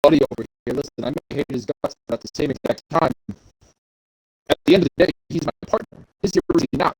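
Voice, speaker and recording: Husky-voiced man cutting a brash wrestling promo. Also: a little high, fast talker, darkish tone, no room sound, rough recording. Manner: boastful, swaggering trash talk. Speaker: wrestling promo role-player. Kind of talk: wrestling promo role-play.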